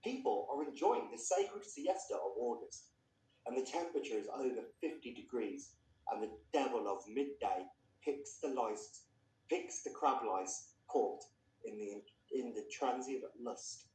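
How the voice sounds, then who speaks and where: Acting as storyteller, a man presents a piece of literary fiction and reads it aloud, his medium-pitched voice expressive, a little slow and slightly mellow. He is recorded from a distance in an echoey room.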